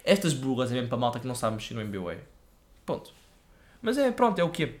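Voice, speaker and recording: A young man, telling stories in an animated, slangy way as a casual podcast co-host. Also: medium pitch, fast talker. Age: young adult. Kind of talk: casual chat, storytelling.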